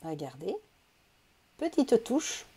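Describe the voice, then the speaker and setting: A woman's voice: a little high, very animated, slow pace, dark tone, slightly rough. A woman talks viewers through her coloring work at a craft table. Her speech is casual and chatty, full of small hesitations and self-corrections, recorded close on a desk mic. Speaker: coloring tutorial host. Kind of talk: casual step-by-step craft demonstration.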